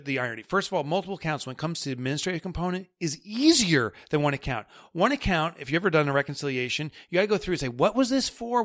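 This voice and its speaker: A man guest on a podcast interview, talking in an energetic, emphatic way and building his points step by step. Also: fairly high pitch, no room sound, studio quality. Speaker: guest author.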